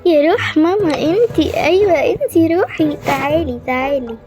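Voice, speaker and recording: A woman's voice: high voice, normal speed, pitched above the performer's own voice, lightly acted. A woman playing a nagging Egyptian mom. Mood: cooing. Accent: Egyptian Arabic. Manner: nagging, bossy and fussing. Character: busy scolding mother of three kids. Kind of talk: homemade family role-play drama. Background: background music.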